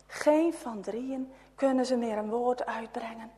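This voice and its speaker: A woman reads a children's story aloud in a high, clear voice, taking her time over each sentence. She drops to a hush at tense moments and lifts her tone when the action speeds up. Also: measured pace, long reverb tail. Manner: expressive, hushed at tense moments.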